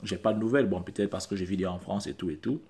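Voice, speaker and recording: Talking very fast into the camera, a vlogger from Central Africa uses French, not his native tongue. The voice is deep and slightly mellow, pressing the same points again and again until they hit emphatic peaks.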